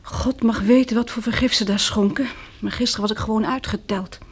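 In a Dutch radio drama, an actress voices a wealthy young woman who has survived a disaster, rattled yet spirited. Her slightly breathy voice sits a little high, with fairly even intonation and a slightly quick pace, and she sounds tired and confiding.

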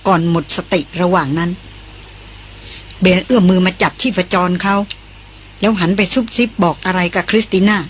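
A woman narrating a novel as an audiobook, in a measured, steady storytelling manner. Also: lowish voice, a little hiss or hum. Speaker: audiobook reader.

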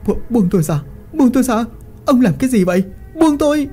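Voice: mid-range voice, expressive, moderate pace, dark tone, soft background music, voice pushed up, natural voice. A reader voicing a frightened, pregnant young peasant woman who stammers and pleads. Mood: screaming.

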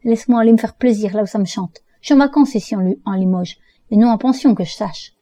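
A curt, mocking older brother speaks, read by a woman in an audiobook. The tone is dark and mellow, never bright, recorded close and dry. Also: medium pitch, quick pace, no echo, close to an everyday voice. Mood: defiant. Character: adult man, touchy tipsy older brother. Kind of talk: audiobook dialogue reading.

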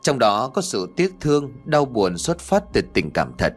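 A man's voice: mid-range voice, sing-song, a little slow, faint music behind. A man voicing an older male hired funeral mourner, talking in a reflective, confiding way. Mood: calm.

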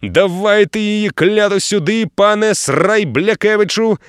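A man voicing a boisterous, greedy old sea captain who booms out hearty commands in an audiobook. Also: measured pace, clear, resonant tone, no room sound, studio quality. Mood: shouting. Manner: booming, hearty, bellowing commands.

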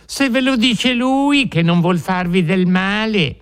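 A man's voice: high voice, lively intonation, slow pace, fairly bright tone, clear, resonant tone, pitched above the performer's own voice, heavily acted. A man reading an audiobook, voicing a humble old woman servant who speaks meekly and coaxingly.

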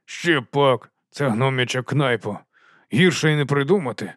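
A shabby old watch corporal who mumbles, wheezes and grumbles in a hushed, furtive voice, as a man puts him on for a storybook. It sits close and dry on the mic. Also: mid-range voice, normal speed, no echo, natural voice. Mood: grumbling. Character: scruffy, wheezing, shifty older night-watch corporal.

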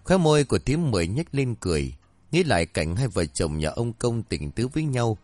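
A man narrating a ghost story with expressive delivery. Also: medium pitch, a little fast, dry recording.

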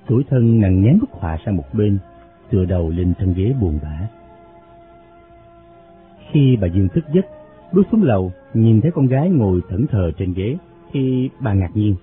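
Low-voiced man narrating a novel. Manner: steady, measured storytelling. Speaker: audiobook narrator. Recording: phone-like sound, faint music.

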